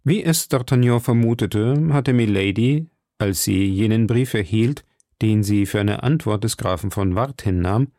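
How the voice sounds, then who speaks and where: A man reading a classic novel aloud in a measured storytelling manner. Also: fairly low pitch, warm tone, dry recording, clean studio sound. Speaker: reader.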